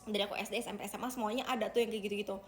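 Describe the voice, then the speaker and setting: Fast-talking young woman livestreaming. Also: mid-range voice, fairly even intonation, slight background noise. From Indonesia. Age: young adult. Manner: chatty, addresses viewers as guys. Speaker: idol livestreamer. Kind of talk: casual livestream chat.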